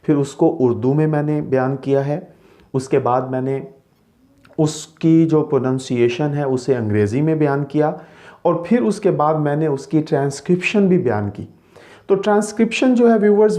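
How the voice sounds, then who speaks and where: A man's voice: fairly high pitch, mellow. A man who teaches English pronunciation, patiently repeating each word and checking in with his viewers. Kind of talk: slide-based language lesson.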